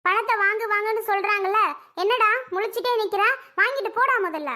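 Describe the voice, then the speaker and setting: A worried cartoon mother, voiced by a woman who pleads and then scolds sharply. Her voice sits very high and squeaky, with a bright, sharp edge. It sounds like a homemade cartoon dub. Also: quick pace. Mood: scolding. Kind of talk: Tamil cartoon dubbing.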